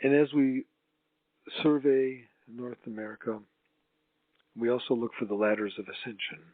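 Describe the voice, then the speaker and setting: In drawn-out, halting phrases, a man with a mid-range voice channels spirit while leading a guided healing meditation. The tone is solemn and mystical, and the audio is roomy and tinny, as if over a phone.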